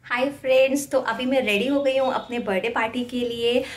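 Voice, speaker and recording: A woman's voice: fairly high pitch, steady tone, normal speed. A woman in her thirties, a vlogger chatting casually to a phone held at arm's length, mixing English words into her Hindi. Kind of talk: casual vlog chat to camera. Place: indoors at home. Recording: background music.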